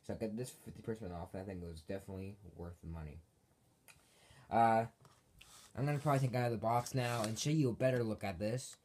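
A man's voice: medium pitch, a little mellow. A man giving a casual, unscripted product review as an online reviewer, rambling and repeating and correcting himself as he goes. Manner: rambling and repetitive, with self-corrections. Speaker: reviewer of Halloween props on his own channel. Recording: amateur home video with background noise.

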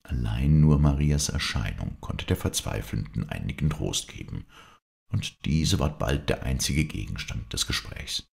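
A man narrating a classic ghost story in a measured, expressive way. His voice sits extremely low, with a gravelly fry, yet the melody moves in lively swells. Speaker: audiobook reader.

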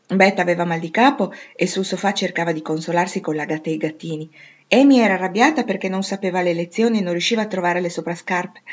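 A woman reading a classic novel aloud in calm, measured literary narration. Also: fairly low pitch, lo-fi sound. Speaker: audiobook reader.

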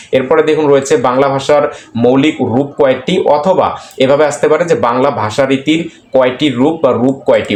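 A man's voice: mid-range voice, a little mellow. A man with a Bangladeshi accent teaching an exam-prep lesson, explaining each answer step by step and repeating questions, with frequent "aah" fillers. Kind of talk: screen-recorded lesson walking through quiz answers. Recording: echoey room, faint background noise.

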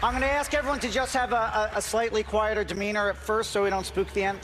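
High-voiced middle-aged man presenting on stage. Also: fairly even intonation, quick pace, long reverb tail, music in the background, a crowd in the background. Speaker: ventriloquist posing as bird trainer. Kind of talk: stage comedy performance. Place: large theater stage. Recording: loud audience noise in theater.

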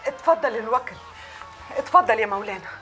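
An actress playing a bustling, deferential village housewife with an Upper Egyptian accent in a television drama. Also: female voice, on the high side, lively intonation, fast talker, pushed and bright, low-quality recording. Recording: music behind the voice. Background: music.

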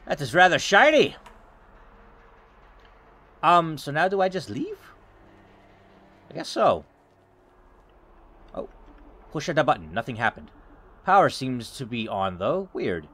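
A man's voice: medium pitch, huge pitch swings, measured pace, pauses often, a bit bright, slightly rough. A man giving casual let's play commentary, chatty and self-aware. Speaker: game commentator.

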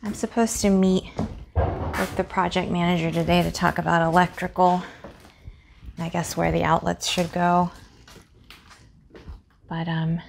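A woman's voice: fairly low pitch, measured pace, vocal fry, pauses often. A young woman casually narrating a walkthrough of her home under renovation, filmed on a handheld phone with construction noise behind. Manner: chatty, relaxed narration while walking. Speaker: homeowner vlogger. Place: townhouse under construction, indoors. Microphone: handheld phone camera.

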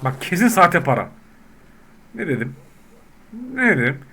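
High-voiced excitable gaming man. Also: a little slow, husky. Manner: excitable, swears and shouts at game characters. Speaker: gaming YouTuber. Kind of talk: casual gameplay commentary.

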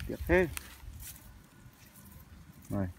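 A man chatting to his viewers while fishing for frogs outdoors in the fields. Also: very slow. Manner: chatty, addresses viewers as family. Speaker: vlogger. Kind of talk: casual outdoor narration. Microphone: handheld phone or body camera. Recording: noisy outdoor field recording.

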